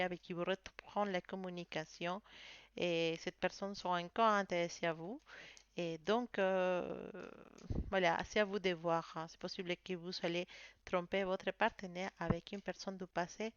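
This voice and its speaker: Woman tarot reader, lowish smooth voice, slow and halting delivery, dry, slightly dull recording. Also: fairly bright tone, dry recording. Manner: hesitant, searching for words, many fillers. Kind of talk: monthly tarot reading video.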